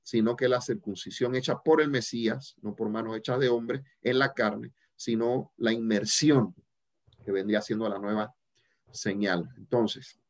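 Halting man teaching. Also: lowish voice. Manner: halting, many fillers and restarts. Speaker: teacher answering viewer questions. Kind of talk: online religious study, answering questions.

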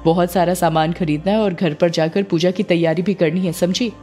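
A woman's voice: fairly low pitch, fairly even intonation, moderate pace, dark tone, soft background music, natural voice. A woman voicing a scheming middle-aged mother who talks in a sweetly evasive, coaxing way, as in a storybook reading. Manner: coaxing, falsely affectionate.

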